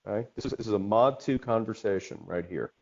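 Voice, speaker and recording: Low-voiced man teaching over lo-fi audio. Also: a little fast, vocal fry, a little mellow. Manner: conversational, checks in with frequent "okay?". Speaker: instructor. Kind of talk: online webinar teaching. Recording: dull lo-fi webinar audio.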